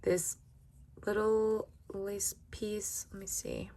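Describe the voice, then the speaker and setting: A woman's voice: medium pitch, fairly even intonation, slow, vocal fry, mellow. A woman giving casual unboxing commentary in a gushing, grateful manner, drawing out her exclamations. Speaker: craft vlogger unboxing happy mail.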